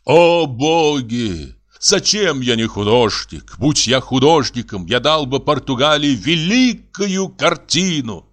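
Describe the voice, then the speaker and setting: Man doing a pompous courtly novelist, lively speech, storybook reading. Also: medium pitch, slow pace, pitched above the performer's own voice. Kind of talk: audiobook reading.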